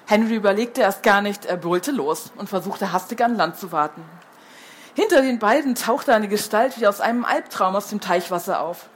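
A woman's voice: medium pitch, expressive, moderate pace, slightly rough. A woman reading a children's book aloud as the storyteller, who falls into hesitant fillers when she chats between passages.

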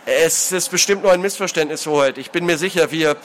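A man's voice: on the high side, normal speed, fairly bright tone, a little hiss or hum, natural voice. A man voicing a burly male mercenary who is caught out and offers hesitant, evasive excuses. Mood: sheepish.

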